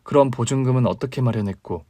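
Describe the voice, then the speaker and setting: A man voicing a caring older sister in a radio drama reading, calm and consoling in a low, quiet tone. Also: fast, dry recording, close to an everyday voice. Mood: concerned. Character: young woman, steady caring older sister.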